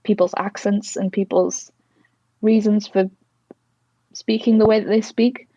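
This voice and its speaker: A woman's voice: mid-range voice, level tone, measured pace, warm tone, no room sound, lo-fi sound. A young woman from Durham with a posh English accent and northern short A's, chatting reflectively in casual conversation as an interview guest. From Durham, northern England. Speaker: interview guest, Oxford student.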